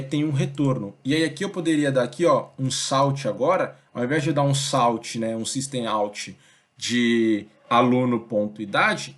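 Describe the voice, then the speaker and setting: A young man teaching a programming lesson in a relaxed, conversational way, thinking aloud and checking in with his students often. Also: mid-range voice. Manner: conversational, thinks aloud, many fillers like "beleza?" and "ó". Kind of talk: casual screen-recorded coding lesson.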